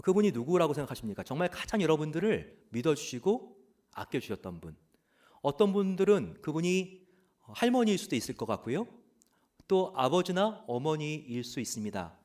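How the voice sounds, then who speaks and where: A man preaching a sermon as pastor, earnest, pausing often with "uh" and asking rhetorical questions. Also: a little high, a little mellow. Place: church.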